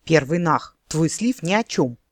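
A man's voice: fairly high pitch, lively intonation, measured pace. A man doing a jeering punk vampire-wannabe mage. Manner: brash, jeering, street slang. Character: rowdy young male slang-spouting pseudo-vampire mage suspect.

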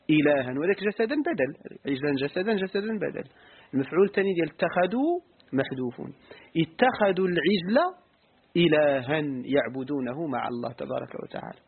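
A man with a Moroccan Arabic accent teaching Quran exegesis, explaining slowly, repeating words and putting questions to his class. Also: on the high side, breathy edge. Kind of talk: classroom lesson on a text. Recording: phone-like lo-fi recording.

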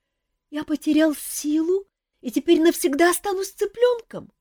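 A woman voicing a frightened young male wizard turned into a chick, with a squeaky, piping voice and anxious questions. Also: wildly swooping pitch, moderate pace, a little mellow, dry recording, studio quality.

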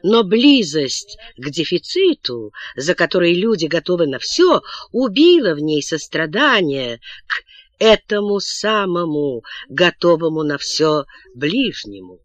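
A narrator reading a story aloud as an audiobook, with expressive, ironic storytelling. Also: medium pitch, measured pace, no room sound.

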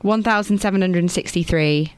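Woman, smooth resonant voice, earnest, quotes statistics, dry studio. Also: fairly low pitch, normal speed, no echo. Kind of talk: casual studio debate.

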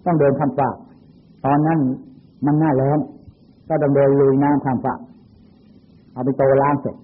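A man's voice: medium pitch, fairly even intonation, moderate pace, slightly rough. An older man from Thailand, a Buddhist monk, giving a sermon by retelling childhood stories in a folksy, anecdotal way, heard over a tinny phone-like recording. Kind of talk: sermon with personal storytelling.

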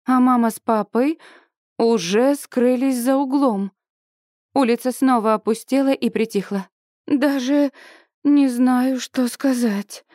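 A woman narrating a first-person audiobook in a lively, expressive way. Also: sits high, slow, dry recording, studio quality.

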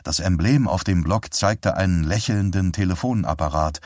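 A male audiobook narrator reads with a very deep voice in a steady, even manner. The recording is dry and close, with no room sound. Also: normal speed, no echo. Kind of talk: scripted narration.

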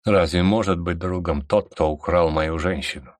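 A man's voice: low-pitched, moderate pace, dry recording, lightly acted. A man reading an audiobook and voicing a cold, indifferent young king who hisses his threats. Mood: cold menacing. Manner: cold, hissing.

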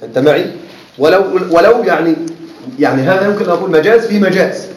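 A man teaching a class on Arabic rhetoric, repeating words slowly and often asking his students whether they follow. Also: sits high. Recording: echoey classroom with faint noise.

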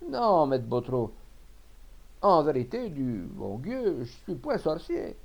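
A man's voice: fairly high pitch, big pitch swings, takes it slowly, gravelly, muffled recording, voice pushed up, full character voice. A man voicing a poor, timid peasant who pleads in humble rustic speech. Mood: pleading.

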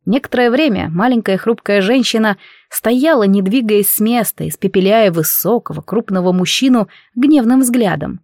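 A woman's voice: medium pitch, moderate pace, hardly any pauses, darkish tone, no echo. Woman narrating an audiobook, dry close sound. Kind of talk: scripted narration.

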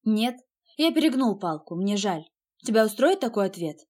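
A woman voicing a cold, curt wealthy husband in an audiobook, with a flat, clipped delivery. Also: medium pitch, normal speed.

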